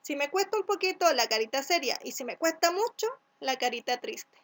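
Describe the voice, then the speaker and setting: A woman from Chile teaching a first-grade class, speaking slowly and clearly, sounding out letters and syllables and often checking with "¿cierto?". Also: sits high, animated, a bit bright. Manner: asks "¿cierto?" to check along. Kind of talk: recorded remote class instructions.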